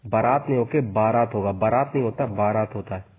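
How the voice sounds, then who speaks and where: A man teaching a spelling lesson for an exam, slowly spelling out each vowel sign and repeating the corrections. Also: lowish voice, breathy edge. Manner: slow and repetitive, spelling out vowel signs. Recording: tinny phone-like sound.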